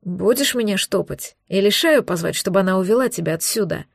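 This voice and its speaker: A woman's voice: medium pitch, expressive, a little fast, gravelly, dry recording, voice pushed down. A woman voicing a wounded male dragon in human form who grumbles with dry, mocking irony, in an audiobook. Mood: grumpy, mocking. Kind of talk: audiobook dialogue.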